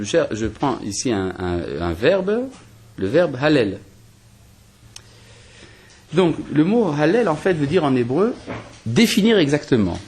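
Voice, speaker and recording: A man's voice: mid-range voice, darkish tone, husky. A man from Algeria, a rabbi teaching a spoken lesson, explaining step by step with rhetorical questions and frequent restarts. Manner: hesitant restarts and fillers while reasoning.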